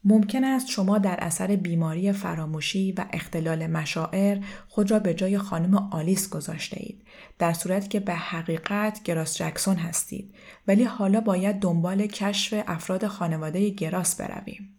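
Woman doing a calm, patient male doctor. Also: lowish voice. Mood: probing. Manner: calm, measured, gently insistent.

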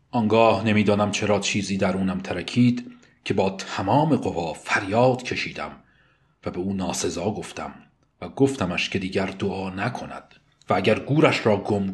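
Low-voiced man reading a novel. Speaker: audiobook narrator. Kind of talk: first-person novel reading.

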